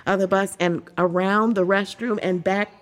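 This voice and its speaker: A woman's voice: medium pitch, moderate pace. An older woman, a singer, telling a story with laughter and acted-out voices. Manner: animated, laughing, acts out quoted voices. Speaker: singer, guest.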